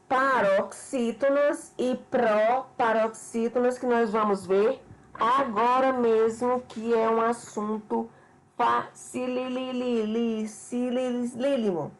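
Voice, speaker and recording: Slow-paced woman teacher explaining grammar. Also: a little high, low-quality recording. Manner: slow, explanatory, addresses students as "pessoal". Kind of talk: remote school lesson.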